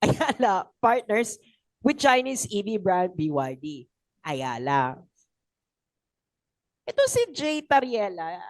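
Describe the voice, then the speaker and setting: A woman's voice: mid-range voice, no room sound, low-quality recording. Filipino woman commentator, wry code-switching lecture delivery, no room sound. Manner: sarcastic, switches between English and Tagalog, many "no?" tags. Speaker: political commentator giving a lecture. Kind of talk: informal lecture reading and mocking quotes.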